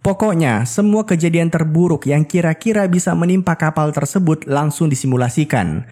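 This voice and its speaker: A man's voice: on the high side, moderate pace, darkish tone, husky, soft background music. A man narrating a film's plot as scripted storytelling with casual asides. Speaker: film recap narrator.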